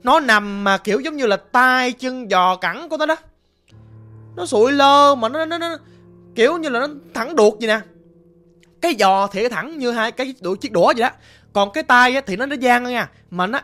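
A woman's voice: fairly high pitch, animated, a little fast, a bit bright, soft background music. A woman with a Southern Vietnamese accent telling a ghost story in a casual, rambling way, often stammering and repeating words.

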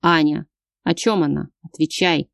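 A woman's voice: low voice, fairly even intonation, unhurried, gravelly, dry recording, studio quality. A woman doing a stern growling husband. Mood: commanding. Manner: growling, clipped commands. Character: stern cold young husband, commanding.

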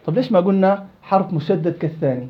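A high-voiced man runs a Quran recitation lesson at a fast clip, calling on his students by name. He moves quickly from question to question. The recording is dull and lo-fi. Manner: lively, quizzing students by name. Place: indoor study circle.

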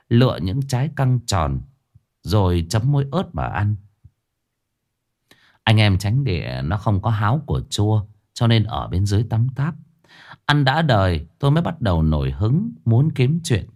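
A man telling a first-person ghost story in a lively, dramatic way. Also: lowish voice. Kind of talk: scripted ghost story narration. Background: faint music.

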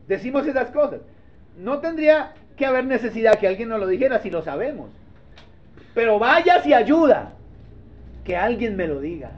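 Lively high-voiced male pastor preaching. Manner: conversational preaching, asking the congregation for agreement; acts out little dialogues. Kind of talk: sermon. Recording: dull lo-fi sermon recording.

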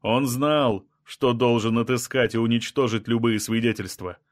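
A man with a mid-range voice narrates an audiobook, reading scripted material in an even, measured storytelling style.

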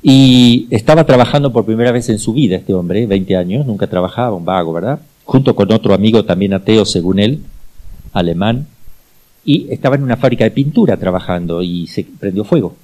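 Middle-aged Argentine male priest, mellow timbre, lively storyteller who repeats for emphasis. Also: lowish voice, a little fast, low-quality recording. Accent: Argentine Spanish. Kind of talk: teaching talk with personal anecdotes.

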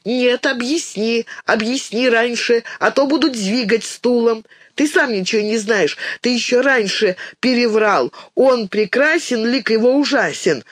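Excitable little girl, shrill and pushy, talk leaping up and down; reader doing the voice. Dry booth sound. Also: slow, no echo. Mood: capricious, agitated.

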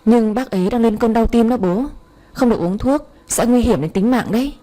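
A woman's voice: on the high side, a little fast, warm tone, natural voice. A woman voicing an obedient, uneasy young son who speaks hesitantly.

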